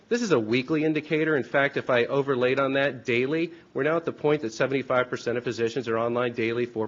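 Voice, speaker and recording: A man speaks at mid pitch with a hoarse voice, congested from a sinus infection. He presents to a conference in an informal, explanatory way, using rhetorical questions. The recording is a little dull and muffled. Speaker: research company president presenting at a hearing. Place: hearing room with an audience.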